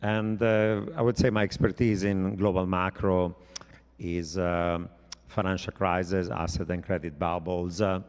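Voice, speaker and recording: A middle-aged man who grew up in Italy, speaking as an economist on a conference panel in a measured way with many hesitant fillers. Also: deep voice, a little mellow, clear, resonant tone. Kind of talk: panel discussion. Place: conference stage. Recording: reverberant conference hall.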